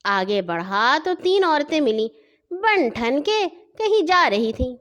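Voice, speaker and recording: Woman storyteller, children's tale, lively rising and falling voice, fairly high. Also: muffled recording.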